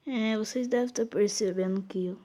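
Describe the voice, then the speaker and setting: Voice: medium pitch, moderate pace, mellow. A Brazilian with a tongue-tied, slushy lisp in a woman's or child's register, giving casual, muttered commentary while playing a quiz game. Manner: informal, muttering reactions to the game. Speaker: gaming video host.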